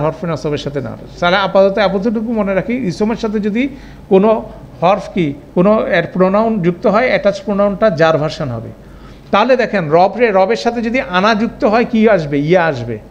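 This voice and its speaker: Man, high voice, faint hiss behind, patient step-by-step lecturing. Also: highs cut off. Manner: explains step by step, repeats forms, asks checking questions. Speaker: Arabic grammar teacher. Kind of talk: online class lecture.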